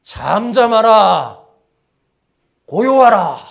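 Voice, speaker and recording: A stern male master's voice put on by a man, issuing slow, drawn-out commands at rising volume. Each word rings high and forceful, and the pitch swings widely between phrases. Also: big pitch swings, full character voice. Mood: stern commanding. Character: commanding male teacher rebuking the storm and his followers.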